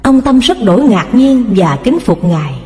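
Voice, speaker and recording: A woman's voice: fairly high pitch, very animated, normal speed, dark tone, long reverb tail, faint music behind. A woman narrating a story expressively, reading out the characters' lines. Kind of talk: scripted narration.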